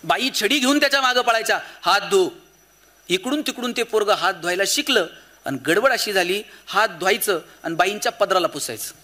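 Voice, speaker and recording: Male kirtan-style motivational speaker, high bright voice, animated delivery that swings between loud and hushed. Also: fast talker. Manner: animated, swings from loud exhortation to low emphasis; acts out quoted voices in anecdotes.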